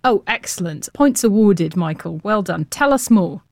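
A woman's voice: mid-range voice, animated, moderate pace, no room sound. Playful female science show presenter, dry sound. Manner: informal, playful. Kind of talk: radio presenting, chatty and semi-scripted.

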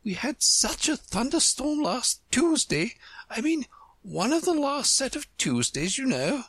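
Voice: sits high, big pitch swings, unhurried, a bit bright, slightly rough, no echo, pitched above the performer's own voice, heavily acted. A reader voicing a timid, muddled, kindly chess queen, a woman with a nervous, rambling way of talking.

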